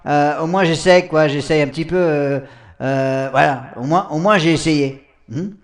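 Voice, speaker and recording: A man's voice: on the high side, moderate pace, reverberant, distant mic. A man hosting a live voice chat room, chatting casually and laughing at himself between karaoke songs, with lots of fillers. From France. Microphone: home computer mic.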